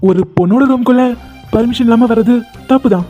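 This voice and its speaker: A fairly quick, warm, medium-pitched voice, lightly acted, voices the male lead of an animated romance: a stubborn young doctor who showers the heroine with pet names and keeps claiming she's his wife. Faint music plays beneath the dull, lo-fi recording.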